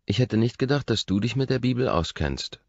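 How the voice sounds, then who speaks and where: A man's voice: medium pitch, animated, brisk, no echo, dull audio, pitched above the performer's own voice. Man reading a shy young woman. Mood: hesitant. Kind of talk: audiobook reading.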